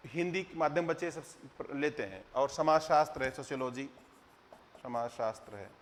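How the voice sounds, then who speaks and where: A man's voice: mid-range voice, moderate pace, a little hiss or hum. A middle-aged man teaching exam candidates, explaining with rhetorical questions and recited verse. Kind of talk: lecture to exam students. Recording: long hall reverb.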